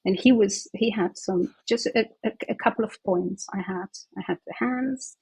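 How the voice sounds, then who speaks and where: A woman with a very husky, breathy voice and a gravelly edge, talking earnestly through a story from her practice. She speaks as an interview guest, with dry, close sound around her. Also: mid-range voice, normal speed, dry recording, poor audio. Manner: earnest, animated anecdote-telling. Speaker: guest, myofunctional therapist.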